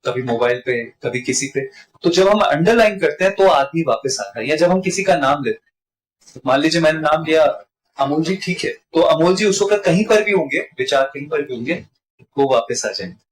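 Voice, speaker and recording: A man's voice: a little high, lively intonation, moderate pace, poor audio. A middle-aged man giving a workshop talk to a live group as a business trainer, repeating lines and shifting the stress on different words.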